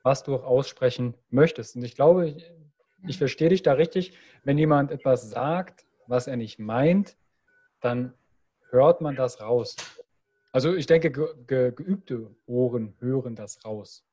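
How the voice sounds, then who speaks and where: A man hosts an interview with a mellow, darker tone at a middle pitch. He fires off questions quickly and sometimes restarts his words. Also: slightly rough. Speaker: interviewer, host. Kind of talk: conversational interview.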